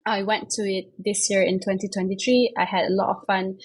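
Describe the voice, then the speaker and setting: A young woman from Malaysia, chatting as an interview guest, full of fillers and quick self-corrections. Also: medium pitch, level tone, breathy edge, rough recording. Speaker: guest, investment manager. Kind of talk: casual interview chat.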